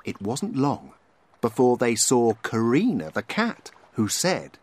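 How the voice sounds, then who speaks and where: A man reading a children's story aloud in a slow, expressive manner. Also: medium pitch, a little hiss or hum.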